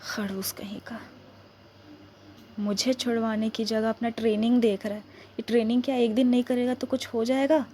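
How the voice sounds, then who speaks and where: A woman's voice: fairly high pitch, flat delivery, a little fast, warm tone, a little hiss or hum, close to an everyday voice. A woman voicing a young woman stranded behind enemy lines in an ASMR role-play, grumbling to herself and pleading with stammers. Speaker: ASMR roleplay performer.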